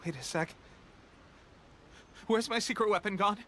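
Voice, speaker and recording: In game cutscene voice acting, an actor plays a young, loyal resistance soldier who is fading, weak, and weary. His high, fairly bright male voice coughs and stumbles through hesitant phrases with trailing restarts, over a little hiss or hum.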